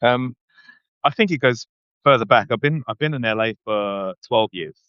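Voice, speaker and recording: A man, a guest speaking thoughtfully in a casual interview, often pausing and restarting. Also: mid-range voice, clear, resonant tone, no room sound. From London, England. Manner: reflective, hesitant with many restarts and ums. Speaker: guest, running writer. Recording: dull, dry lo-fi audio.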